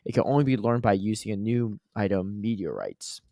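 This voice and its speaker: Low voiced podcast dude, chatty and hyped, dry mic, rambles on explaining stuff. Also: male voice, lively intonation, a little fast, dark tone, dry recording. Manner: chatty and upbeat, long explanations. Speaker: podcast co-host. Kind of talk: casual chat.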